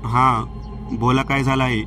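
A kind woman psychiatrist asking gentle questions, read by a male storyteller. Her lines come in a flat, even tone. The voice sounds distant, with faint music behind. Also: mid-range voice, normal speed, natural voice.

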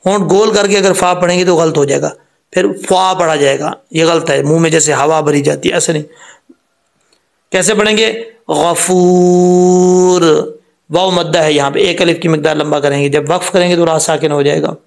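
A man teaching Quran recitation, explaining each rule patiently and then drawing the words out very slowly. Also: on the high side, gravelly.

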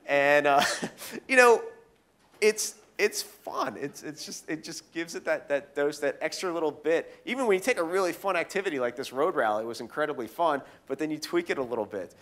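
A man telling goofy stories in a casual interview, animated and full of fillers. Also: on the high side, normal speed. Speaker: guest speaker.

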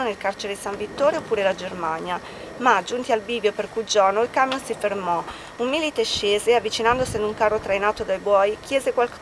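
A woman reading a historical account aloud in a measured, solemn way at an outdoor commemoration. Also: mid-range voice. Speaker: reader at a commemoration. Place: outdoors at a memorial bike ride. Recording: outdoor recording with clear background noise.

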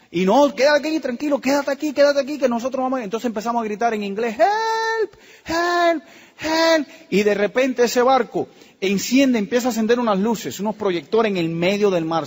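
Animated Cuban man telling a story. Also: high-pitched. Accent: Cuban Spanish. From Cuba. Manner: animated storyteller, acts out quotes, drops to a hush for tense moments. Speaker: speaker telling his story. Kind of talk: storytelling talk to an audience.

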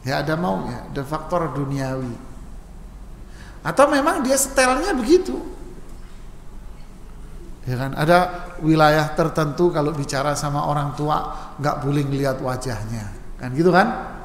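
A man preaching at a mosque study session, answering questions in a relaxed, joking way and mimicking regional speech for laughs. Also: fairly high pitch, moderate pace, slight background noise. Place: mosque hall. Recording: echoey mosque hall with long reverb, faint ambience.

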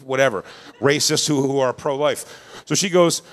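A man's voice: mid-range voice, normal speed. A man telling a comedic story on a podcast, acting out the dialogue and laughing as he goes. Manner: animated, acts out dialogue, laughs mid-story. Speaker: podcast co-host.

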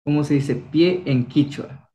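A man's voice: on the high side, unhurried, dark tone. Upbeat young man quizzing a class. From Ecuador. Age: young adult. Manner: encouraging, coaxing questions. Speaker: Kichwa language teacher. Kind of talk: online class, quizzing students.

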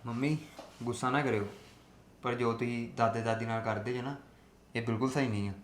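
A man playing a son who gently pleads with his mother to treat his grandparents well in a family drama. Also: mid-range voice, steady tone, fairly quick, slight background noise, natural voice. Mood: pleading. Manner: soft, pleading. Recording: roomy echo.

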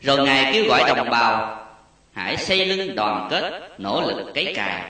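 Man narrating a sacred memoir, slow and solemn, bright voice, heavy echo. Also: mid-range voice. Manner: slow, solemn, lively rise and fall. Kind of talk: reading a Buddhist memoir story aloud. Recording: echoey and distant.

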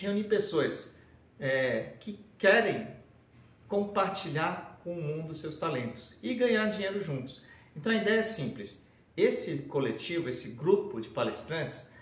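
A man, a professional speaker talking straight to the camera in an upbeat, casual pitch, recorded indoors in a room full of shelves. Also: roomy sound. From Brazil. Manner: upbeat, addresses viewers directly.

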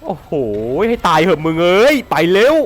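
A man commentating his game playthrough in an excitable way, swearing and laughing as he plays. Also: high voice, normal speed. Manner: excitable, swears and shouts often; laughs a lot. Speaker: gaming YouTuber.

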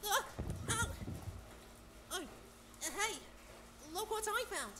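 A woman's voice: extremely high pitch, slow, noisy background, voice pushed up, full character voice. A woman voicing a young colt boy who stammers and exclaims eagerly. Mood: excited. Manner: excited, stammering.

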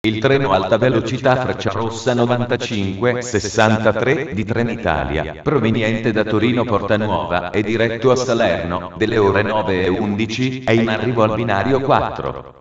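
This is a low male voice on a far-off railway PA, giving automated public announcements with formal, spliced-together, measured wording and an expressive delivery. Everything sounds muffled and strongly reverberant, as if in a large hall.

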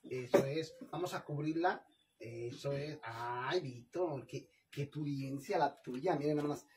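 A man's voice: fairly high pitch, a little slow, background noise. A man with a Mexican accent chatting casually while he cooks on camera, playful and campy, and he laughs often. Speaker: vlogger cooking on camera. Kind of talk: casual live cooking chat.

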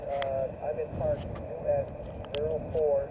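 A man's voice: a little high, flat delivery, normal speed. A man heard over fading shortwave radio reception, answering as an amateur radio operator in clipped call-sign and signal-report exchanges. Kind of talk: ham radio contact. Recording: dull, noisy shortwave radio speaker.

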